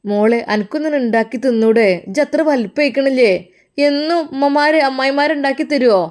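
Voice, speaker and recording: A concerned, caring storybook mother, as a woman puts her on, soothing her child in a Malappuram Malayalam accent, voice fairly high. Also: brisk, darkish tone, close to an everyday voice. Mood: worried.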